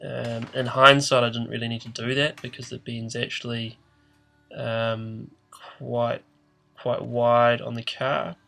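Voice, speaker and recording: Over soft background music and noticeable noise, a DIY car repair presenter narrates a casual, halting how-to in a matter-of-fact way. His medium-pitched voice is level, unhurried, gravelly and sharp, with a nasal, stuffed-up quality as though his nose is blocked.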